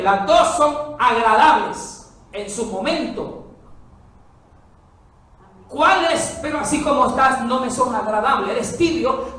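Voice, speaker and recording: A woman's voice: high voice, fairly bright tone. A woman preaching a sermon, emphatic and full of rhetorical questions to the congregation. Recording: very echoey hall, far from the mic.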